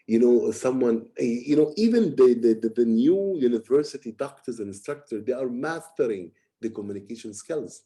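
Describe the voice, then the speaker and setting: A young man coaching an audience on presentation skills, his voice mellow and warm. He speaks with emphatic energy and often repeats words as he works through a point. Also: mid-range voice. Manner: animated, emphatic, repeats words while explaining. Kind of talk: teaching talk on presenting.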